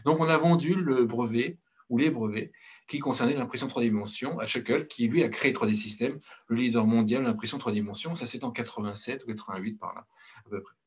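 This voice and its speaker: A middle-aged Frenchman directing a consultancy gives a blunt, outspoken conference talk. His medium-pitched voice has a breathy edge and moves a little fast, broken by frequent hesitations and restarts.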